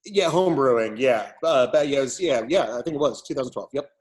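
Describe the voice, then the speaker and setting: A man's voice: medium pitch, lively intonation, fairly quick. A man giving a casual interview as a brewery owner, talking in a loose, rambling, conversational way. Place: at his brewery.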